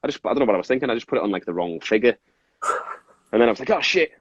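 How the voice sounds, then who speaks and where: This guest, a toy maker and resin artist from Carlisle, Cumbria, speaks very fast and expressively at medium pitch, with a Cumbrian northern English accent influenced by Scottish. His casual craft explanation rambles and self-interrupts with apologies for tangents, recorded in a muffled, echoey room with slight background noise.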